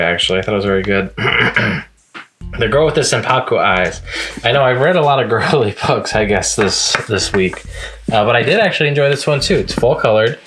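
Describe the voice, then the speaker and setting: A man's voice: on the low side, a bit bright. A man casually reviewing the manga he read that week, rambling along with lots of fillers and restarts. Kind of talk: casual reading-log review.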